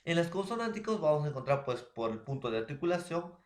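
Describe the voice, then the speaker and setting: A man's voice: on the high side, big pitch swings, fast talker, echoey room. A man with a Peruvian Spanish accent teaching a recorded lesson, asking and answering his own questions and checking in with "¿ya, jóvenes?".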